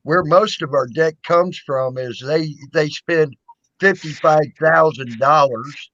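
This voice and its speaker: A man's voice: a little high, slow pace, a bit bright, dry recording. A man in his forties in casual chat, swearing now and then. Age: 40s. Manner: casual, profane. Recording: dull, dry lo-fi audio.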